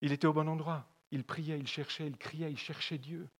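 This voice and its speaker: A man with a Swiss French accent preaching a fervent sermon in church, repeating phrases and swinging from loud appeals to soft, low asides. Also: level tone, moderate pace. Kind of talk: evangelistic sermon. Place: church hall. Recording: long hall reverb.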